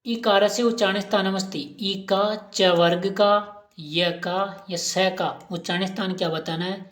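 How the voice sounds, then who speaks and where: A woman's voice: mid-range voice, steady tone, unhurried. A woman teacher giving an exam-prep lesson, asking questions and repeating each answer aloud. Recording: roomy echo.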